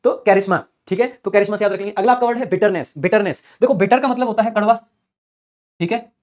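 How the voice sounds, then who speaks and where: Guy teaching vocab tricks, rattles off words quick, chants them over and over. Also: high voice, darkish tone. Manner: fast, chatty, repeats key words in chanting rhythm. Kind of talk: exam-prep vocabulary lesson with memory tricks.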